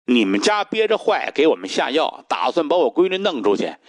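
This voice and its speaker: Sharp-tongued old woman, scolding and indignant, voiced by a male storyteller, with lively swings of pitch. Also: brisk, no room sound, clean studio sound.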